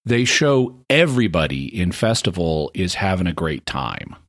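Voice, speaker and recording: Male podcast co-host, lower register, dry studio sound, talks in long explanatory runs. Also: big pitch swings, moderate pace, fairly bright tone, no echo. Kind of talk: casual discussion.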